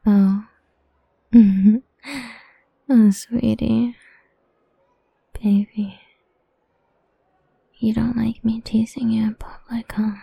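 Young woman whispering real close, husky and gravelly, slow and flat, teasing murmurs. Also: on the high side, no room sound, muffled recording. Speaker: audio roleplay performer. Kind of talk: whispered intimate audio roleplay.

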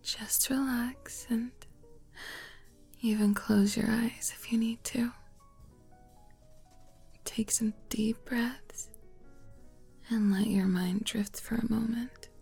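A woman plays a doting, flirty, motherly figure in a whispered role-play, very close, as if right in your ear. The voice is mellow and breathy, unhurried and coaxing, with faint music behind it. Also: fairly high pitch, fairly even intonation, exaggerated voice. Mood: tender, soothing. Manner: slow, coaxing, soft giggles.

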